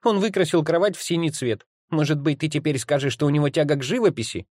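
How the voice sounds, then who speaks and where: A man voicing an exasperated, strict mother who scolds loudly in an audiobook reading. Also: a bass voice, very animated, moderate pace, breathy edge, no room sound, studio quality, voice pushed up, full character voice. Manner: scolding, shouting complaints. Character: exasperated mother, gym teacher, strict and loud.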